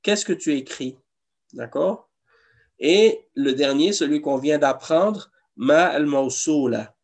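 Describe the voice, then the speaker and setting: A man's voice: on the high side, slow. A man teaching an Arabic class in a mosque classroom, explaining patiently and repeating each example. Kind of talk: classroom lesson.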